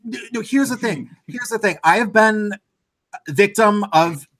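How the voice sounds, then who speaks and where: A man's voice: high voice, measured pace, fairly bright tone. A man hosting a casual political chat show over a video call, rambling and restarting his sentences often. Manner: rambling, with many restarts and filler words. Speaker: host.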